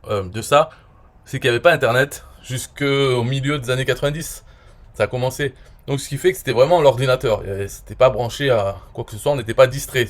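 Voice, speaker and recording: A French online marketer in his forties reviews his own interview in a long, casual explanatory monologue. His medium-pitched voice rambles with frequent "euh" and "voilà," often trailing off quietly.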